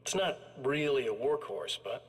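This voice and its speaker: A man's voice: medium pitch, expressive, normal speed, close to an everyday voice. An actor playing a chatty killer in a video game, proud of his tools and casually menacing, talking like a salesman. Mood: smug, casual. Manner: folksy, menacing, casually pleased with himself. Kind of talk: scripted video game acting, sales-pitch monologue.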